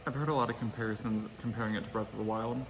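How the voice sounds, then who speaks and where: Man, lowish voice, casual mukbang chat, rambling, eating fried chicken, noisy outdoor recording. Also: steady tone, racing. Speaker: vlogger hosting an eating show. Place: outdoors by a pool. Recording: clearly noisy outdoor ambience.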